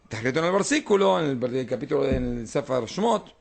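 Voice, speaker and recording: A man's voice: medium pitch, expressive, a little fast, gravelly. A man, a rabbi, teaching an informal Talmud class, explaining texts and often checking that his students follow.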